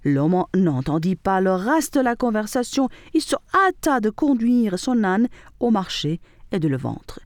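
A woman reading a storybook tale aloud in an expressive narrating style. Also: medium pitch, unhurried, no echo, studio quality.

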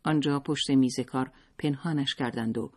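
Husky-voiced male narrator for a dramatic audiobook, measured and steady. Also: medium pitch. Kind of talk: scripted story narration.

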